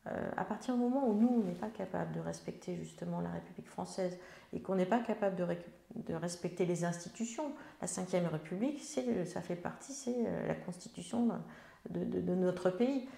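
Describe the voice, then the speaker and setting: A woman member of parliament speaks in an interview with a low, mellow, gravelly voice. She hesitates often, restarting phrases and filling gaps. The room around her is noticeably echoey. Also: brisk. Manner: hesitant, many fillers and restarts. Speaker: elected member of parliament, guest. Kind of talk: interview answers.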